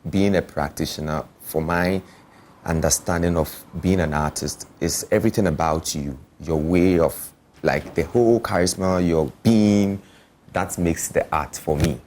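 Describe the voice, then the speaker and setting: A man's voice: low-pitched, unhurried, darkish tone, slight background noise. A man, an artist talking casually and explaining things in an interview. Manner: explanatory, often checking the listener follows.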